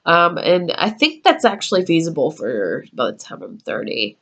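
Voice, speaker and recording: A woman's voice: on the low side, big pitch swings, normal speed, fairly bright tone, dull audio. Chatty woman in her twenties vlogging. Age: 20s. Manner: chatty, meandering, with frequent ums. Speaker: YouTuber. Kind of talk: casual vlog talk. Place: her room at home.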